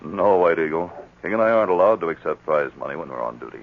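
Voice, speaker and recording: A muffled, faintly noisy vintage radio recording of an upright police sergeant of the North. His medium-pitched voice moves widely, with firm authority. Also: animated, fast. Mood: confident, kindly. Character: commanding, upright Mountie sergeant, stern yet kindly. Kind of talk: 1940s radio acting. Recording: dull 1940s radio recording, faint noise.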